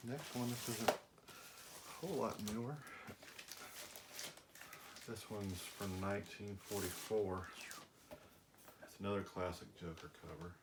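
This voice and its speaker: A middle-aged man casually talking through his graded comic collection in slow, measured explanations with some filler words. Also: lowish voice, very noisy. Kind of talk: casual chat.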